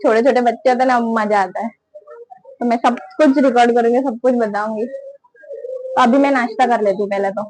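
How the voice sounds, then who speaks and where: A woman's voice: fairly high pitch, steady tone, normal speed, darkish tone, a little hiss or hum, low-quality recording. A young woman, chatting casually to her phone camera at home for a family vlog. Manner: chatty, talks to her pet and family in between. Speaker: family vlogger.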